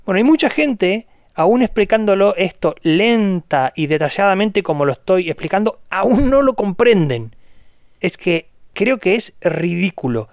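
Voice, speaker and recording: A man with a somewhat high-pitched voice holds forth in an indignant, scornful solo monologue. He slows down to lean hard on single words as he picks them apart. The recording is close and dry, with no room sound. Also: lively intonation, no room sound. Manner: slow, spelled-out emphasis on words.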